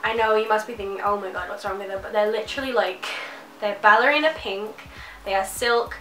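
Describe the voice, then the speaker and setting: A young woman vlogging about fashion talks a little fast through her clothing haul in a small bedroom, nasal and congested from a cold. Her medium-pitched, fairly bright voice keeps fairly even intonation while she gushes and says "like" a lot. The sound is reverberant, distant and low-quality.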